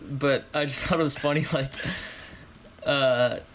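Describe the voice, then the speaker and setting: A man's voice: medium pitch, measured pace, slight background noise. A young man co-hosting a sports podcast, talking casually and hesitantly with lots of fillers. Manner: relaxed, hesitant, many fillers and likes. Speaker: podcast co-host. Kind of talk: casual chat.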